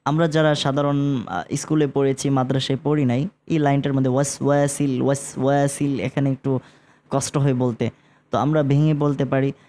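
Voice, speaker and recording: A man with a Bangladeshi Bengali accent teaching Quran recitation, explaining sounds in relaxed talk and chanting verses slowly and drawn out. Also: medium pitch. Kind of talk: relaxed spoken lesson with slow chanted recitation.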